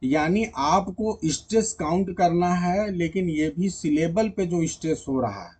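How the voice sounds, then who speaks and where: A slightly high, husky male voice teaching an exam-prep lesson. He explains each point step by step, checks in with the class often, and switches into English for definitions. The delivery is patient and methodical. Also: animated, a little slow, a little mellow. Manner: mixes English terms and read-out definitions into Hindi.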